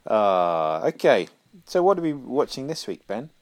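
A man's voice: mid-range voice, sing-song, measured pace, a little mellow, dry recording. A man co-hosting a comedy podcast, teasing with dry wit. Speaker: podcast co-host. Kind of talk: casual comedic chat.

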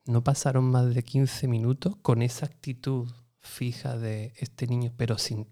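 Guy from telling his story, earnest and lively, mellow warm voice. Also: mid-range voice, a little slow. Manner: earnest, lively, acts out dialogue. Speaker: interview guest. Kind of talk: animated personal storytelling.

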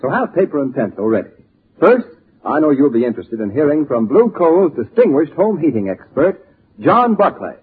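A man's voice: a little high, sing-song, normal speed, slightly rough. An American man announcing in the dramatic, formal, scripted style of 1940s radio. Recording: muffled old radio recording, faint music behind.

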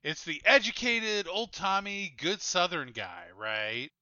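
Man podcaster, bright sharp tone, smooth voice, dull dry recording. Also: sits high, slow, no room sound. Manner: animated, lots of "like" fillers. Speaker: podcast co-host. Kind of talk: casual chat.

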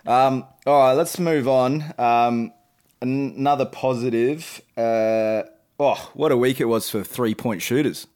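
A man's voice: medium pitch, measured pace, darkish tone, clear, resonant tone. A man co-hosting a casual sports podcast, speaking with many ums and rattling off game stats. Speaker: podcast co-host.

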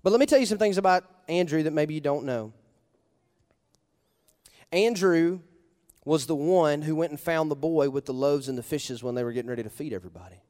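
A man's voice: on the high side, fairly quick, long pauses. Preaching man in a reverberant hall. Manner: conversational preaching with rhetorical questions and sudden loud emphasis. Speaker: pastor. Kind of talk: sermon.

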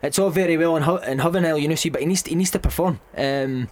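A man's voice: fairly high pitch, quick pace, darkish tone. A Scottish man talking football as a radio pundit, chatty and keeps calling the caller "mate". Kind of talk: casual phone-in chat.

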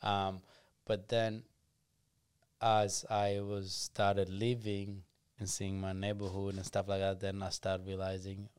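A man, on a podcast as a guest, talking through his story in a soft-spoken, unhurried way. His voice sits low and smooth, with very little rise and fall. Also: completely flat delivery. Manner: soft-spoken, unhurried, acts out his younger self in quotes. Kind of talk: casual storytelling.

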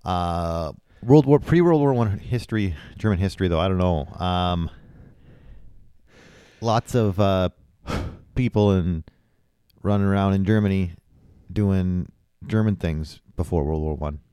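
A man's voice: low-pitched, a little slow, dark tone, smooth, no room sound, studio quality. A man co-hosting a podcast in casual chat, rambling and hesitant with many fillers. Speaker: podcast co-host.

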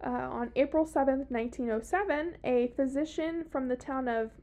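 A woman with a Southern US accent co-hosts a podcast, casually telling a true-crime story in a blunt, sweary, sardonic manner. Her voice is high and a little mellow, at a normal speed.

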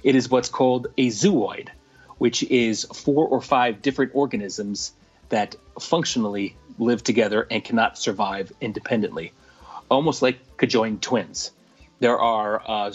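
A man calling in as a remote correspondent over a radio link, chatting easily and explaining things with halting restarts. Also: medium pitch, husky, lo-fi sound. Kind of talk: casual comedic radio chat.

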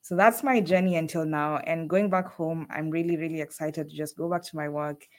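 Lively lower-voiced woman from Kenya. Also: brisk. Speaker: fellowship guest, food production manager. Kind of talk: casual interview talk.

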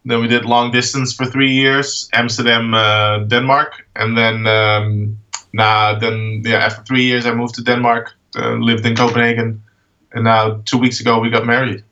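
A Dutch man in his thirties, a guest in a casual interview, who talks in a halting way with many fillers and restarts. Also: mid-range voice, level tone, bright, forceful tone, far from the mic, highs cut off. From Netherlands. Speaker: guest, art project founder.

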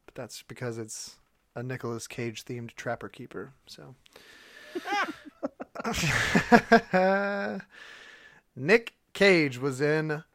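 A man's voice: mid-range voice, animated, very slow, long pauses, fairly bright tone. A man playing a movie trivia game, joking around and laughing often in casual chat. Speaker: game player.

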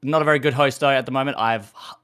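A man hosting a casual podcast, his voice hoarse and half gone. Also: mid-range voice, fairly even intonation, racing, a bit bright. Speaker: podcast host.

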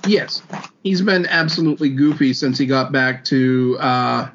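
A man's voice: mid-range voice, steady tone, measured pace, a bit bright, highs cut off. A man co-hosting a sports podcast, reeling off numbers with many ums and uhs. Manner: reels off stats with many fillers. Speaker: podcast co-host. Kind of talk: casual sports chat.

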